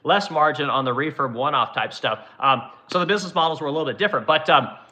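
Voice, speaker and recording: A man's voice: a little high, quick pace, bright, forceful tone. A man in his forties who runs a woodworking business, chatting casually on a livestream and answering viewers in a blunt, profane, rambling way. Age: 40s. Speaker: woodworking business owner answering live chat.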